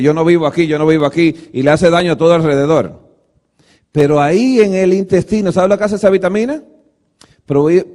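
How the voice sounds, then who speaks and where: Brief: man, high-pitched voice, preaching lecture, animated, rhetorical questions to the congregation. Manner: acts out quoted dialogue. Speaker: guest lecturer at a church.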